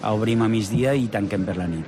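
A man's voice: on the low side, fairly quick, noisy background. A man with a Valencian accent speaking as a restaurateur in a casual live radio interview, informal and a little hesitant. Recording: outdoor urban setting with crowd bustle. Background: crowd and street ambience.

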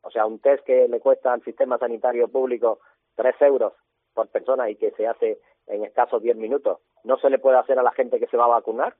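A husky-voiced man talks about his hospital work over a thin, tinny phone line. He sounds indignant and keeps throwing out pointed rhetorical questions. The line is dry, with no room sound. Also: mid-range voice, no echo. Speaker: hospital doctor. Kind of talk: radio phone interview.

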